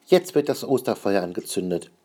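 A man reading aloud and voicing a calm, good-natured father who talks patiently and reassuringly. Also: lowish voice, a little fast, slightly rough. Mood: lively.

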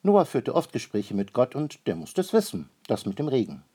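A man narrating a children's storybook aloud in a calm, expressive way. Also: medium pitch, normal speed, slightly rough.

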